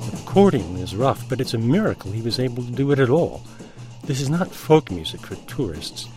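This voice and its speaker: A man's voice: medium pitch, very animated, brisk, music in the background. A man hosting a radio documentary, narrating in a dry, wry, conversational manner. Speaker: radio host.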